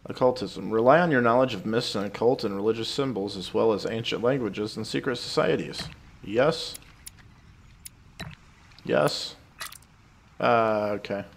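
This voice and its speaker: A man giving casual game commentary, relaxed and thinking aloud. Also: on the low side, unhurried, vocal fry, pauses often, a little hiss or hum. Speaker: let's play gamer.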